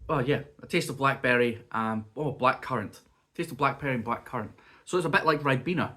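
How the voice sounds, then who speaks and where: A male food reviewer with a mid-range, fairly bright voice casually vlogs from home while trying cheese and crackers. He's chatty and muses aloud as he tastes, though still a bit sniffly and coughing from a bug.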